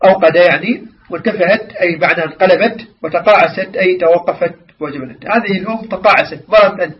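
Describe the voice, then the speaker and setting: High-voiced man teaching from far off. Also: fast talker. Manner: explains word meanings, asks the class questions. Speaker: religious teacher. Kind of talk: hadith lesson to a class. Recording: distant, dull lo-fi recording.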